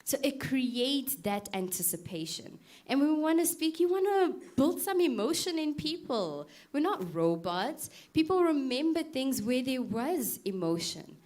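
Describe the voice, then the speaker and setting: Speaking high and a little slow with hardly any pauses, a woman runs a live workshop on public speaking. She asks the audience questions outright and animatedly acts out awkward fillers and reactions for effect.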